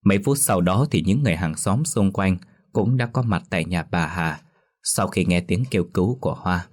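A man narrating a scripted ghost story in a steady storytelling manner. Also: sits low, moderate pace.

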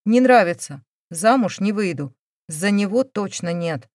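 A defiant young woman with a mocking, cold tone, read by a woman. Her voice sits at a mid pitch with a dry, close sound. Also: normal speed, a little mellow, no echo, natural voice. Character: sarcastic cool young woman, defiant daughter.

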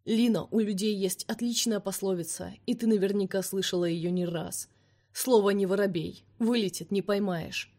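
A woman voicing a fierce, scornful vampire man in an audiobook, speaking forcefully and commandingly. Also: medium pitch, fairly even intonation, normal speed, natural voice. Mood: cold.

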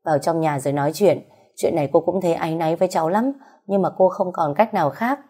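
A woman voicing a blunt, uneasy middle-aged landlady who talks in a curt, brisk way. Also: fairly low pitch, warm tone, slightly rough.

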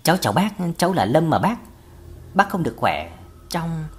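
A woman's voice: low voice, very animated, normal speed. A woman narrator voicing a confused young village man. He speaks hesitantly and politely, in a voice close to hers. His tone shifts widely between phrases.

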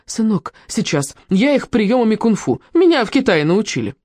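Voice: mid-range voice, sing-song, moderate pace, a little mellow, no room sound, pitched above the performer's own voice. A reader playing a flustered old woman who talks big and calls for her son. Her voice rises as she pleads. Close, dry sound. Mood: frantic. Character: old woman, a mother, eccentric and fussing.

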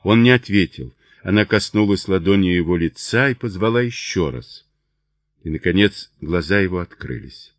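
A man narrating a thriller audiobook in a measured, expressive way. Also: sits low, no echo.

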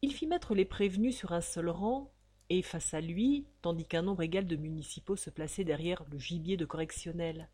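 A woman reading a novel aloud, giving each character's line a loud, raised voice. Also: moderate pace. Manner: acts out the characters' lines loudly and with raised pitch. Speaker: reader of a novel. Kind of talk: expressive audiobook reading.

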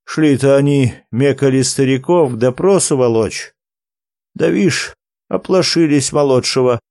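A man voicing a grumbling, gruff old male innkeeper. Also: medium pitch, unhurried, a little mellow, natural voice.

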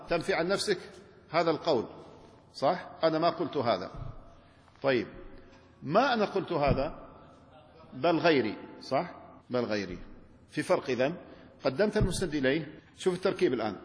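A man, a sheikh, teaching a classroom lecture on rhetoric, putting questions to his students and often restarting his words. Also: fairly high pitch. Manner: lively, asks students questions, many restarts. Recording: long hall reverb.

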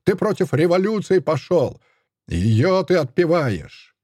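A man reading an audiobook voices a furious old male prisoner who rants, sneers and shouts accusations in a husky voice. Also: medium pitch, very animated, normal speed, dry recording, studio quality. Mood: ranting.

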